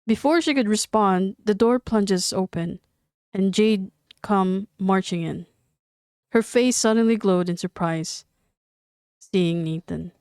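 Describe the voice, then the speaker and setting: A woman narrating a romance audiobook in an even, unhurried reading. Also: medium pitch, smooth, dry recording, studio quality. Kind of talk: scripted narration.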